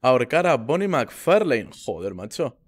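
A man's voice: medium pitch, very animated, moderate pace. A man with an accent from Spain hosting casual gameplay commentary, informal and sweary, often repeating words. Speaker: gaming channel host. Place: indoor room at a gaming setup.

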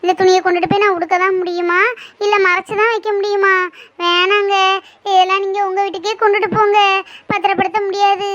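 A woman's voice: very high voice, little pitch movement, fairly bright tone, dry recording. A woman voicing a shy, tender young village woman in love, pleading and emotional, in a cartoon. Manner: pleading, emotional, quick to tears. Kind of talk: cartoon voice acting. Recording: dull lo-fi recording.

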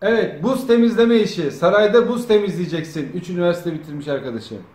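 A man stays off camera as he casually runs a family comedy skit, bossing the others around with prompts and instructions during improvised banter. His voice is high, expressive and somewhat dark in tone, and he talks fast; the audio is echoey with faint noise.

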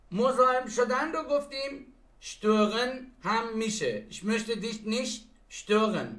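A man teaching German phrases, who explains each one and repeats the German sentences slowly. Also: sits high, fairly bright tone, echoey room. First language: Persian. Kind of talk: language lesson.

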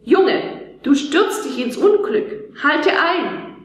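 A woman's voice: sits high, animated, very slow, a little hiss or hum, pitched above the performer's own voice, exaggerated voice. A woman voicing a stern, stately old castle lord who gives formal instructions, with a roomy echo on the recording. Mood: urgent. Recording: echoey room.

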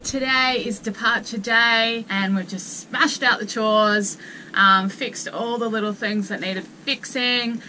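A woman in her thirties with an Australian accent, chatting casually to camera from a small boat cabin, relaxed and full of ums. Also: a little high, slow pace, distant mic, background noise. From South Australia. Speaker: sailing vlogger. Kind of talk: casual vlog talk to camera.

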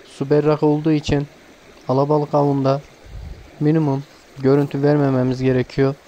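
A man narrating his fishing trip outdoors on a stream bank in a calm, casual way, giving tips to viewers while filming first-person. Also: fairly high pitch, moderate pace, dull audio, a little hiss or hum. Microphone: handheld camera filming first-person.

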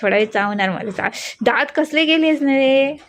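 A woman's voice: lively intonation, moderate pace. A woman with a Marathi accent chatting casually to camera at home about her dog and cat, now and then scolding and coaxing them. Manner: chatty, scolds and coaxes pets in a higher playful voice. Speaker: pet vlogger. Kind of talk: casual vlog narration to camera. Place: home indoors.

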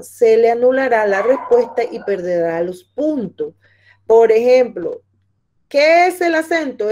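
A woman's voice: a little high, dark tone, slight background noise. A woman teacher giving patient class instructions, repeating each point and speaking to her students by name. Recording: dull lo-fi audio.

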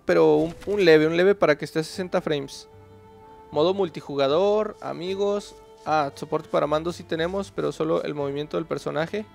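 Gravelly man narrating gameplay. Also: a little high. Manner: chatty, talks to himself and the viewer while playing. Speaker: gaming channel host. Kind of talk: casual gameplay commentary.

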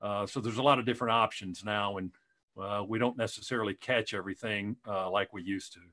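A man's voice: lowish voice, steady tone, fairly quick, pushed and bright. A middle-aged man, a radio play-by-play announcer, chatting casually on a video call and rambling through stories with many restarts.

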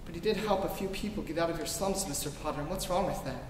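In a staged old-time radio play, a man acts an earnest young idealist, speaking with impassioned fervor. His voice is fairly high and fast, close to how he'd normally talk. The recording comes from far off in an echoey hall, sounding distant, reverberant and slightly noisy.

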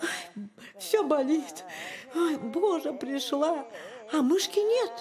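A woman voicing a sly, greedy female fox in a storybook cartoon, wailing and sing-song, turning shrill when upset. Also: sing-song, measured pace, darkish tone, long reverb tail. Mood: whining. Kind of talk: storybook character voice.

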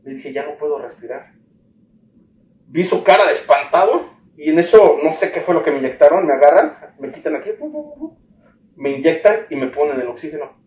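A man's voice: a little high, brisk. A man with a Mexican accent gives a personal account in an interview, acting out the conversations he remembers. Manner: animated storytelling, acts out the dialogue he recalls. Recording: roomy echo, distant mic, faint ambience.

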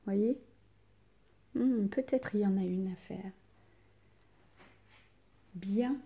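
A woman teacher talks young pupils through a recorded lesson. She speaks slowly, with a soft, mellow tone. Her intonation is deliberately exaggerated, and she pauses often to let children answer. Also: medium pitch, slightly rough. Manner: slow, exaggerated intonation to demonstrate punctuation; asks pupils questions and leaves pauses for answers. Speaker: primary school teacher.

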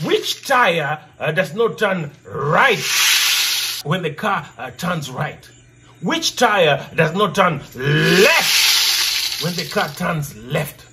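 A man, middle-aged, telling stories and posing riddles in a theatrical way, repeating his questions with drawn-out emphasis. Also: a little high, sing-song, very noisy. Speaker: storyteller and channel host. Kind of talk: interactive storytelling, posing riddles to children. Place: indoor room with brick wall backdrop.

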